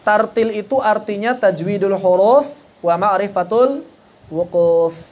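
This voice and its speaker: A high-pitched man with a darkish tone teaches an online tajwid class on Quran recitation at a measured pace, through dull audio. He asks rhetorical questions, answers them himself, and chants short passages as examples.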